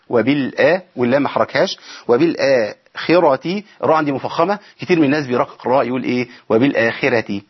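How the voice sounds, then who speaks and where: A man's voice: medium pitch, husky, highs cut off. A man with an Egyptian accent teaching Quran recitation on a broadcast program from a studio. He explains each rule and keeps asking rhetorical questions to the audience. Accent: Egyptian Arabic. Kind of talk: broadcast tajweed lesson.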